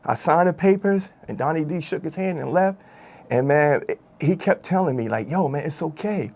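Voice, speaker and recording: A man's voice: a little high, lively intonation, moderate pace, creaky, darkish tone. A man telling his story in an interview, emotional and candid, full of street slang and asides like "my dude". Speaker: former rap group member telling his story.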